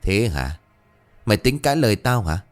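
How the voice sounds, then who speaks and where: A man voicing a gruff, domineering old father who is a moneylender, snapping and scolding. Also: fairly low pitch, sing-song, normal speed.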